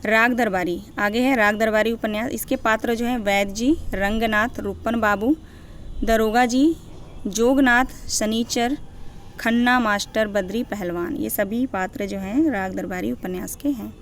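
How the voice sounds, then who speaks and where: Reading through long lists of character names, this young woman preps her students for a literature exam, pausing to check on them and fixing her own slips mid-list. Her voice is fairly high and measured, over a slight hiss or hum.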